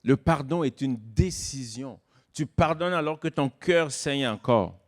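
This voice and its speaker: A man giving a sermon as guest pastor, swinging between loud, slow emphasis and soft, low asides. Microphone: online church service recording.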